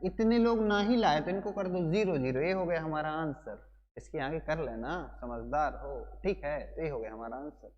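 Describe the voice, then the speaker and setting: A man's voice: a little high, normal speed, in a large hall, dull audio, a crowd in the background. A male teacher giving an exam coaching lesson, playful and chatty, who keeps calling his students brother and explains with wedding and party stories.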